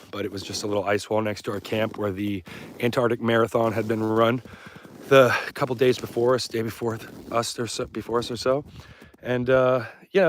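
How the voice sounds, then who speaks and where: A man speaking in a casual, rambling live vlog, informal and self-deprecating, drifting between thoughts as he goes. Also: medium pitch. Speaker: filmmaker live-streaming as a vlogger. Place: outdoors on snow and ice at an Antarctic camp. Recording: clear outdoor background noise.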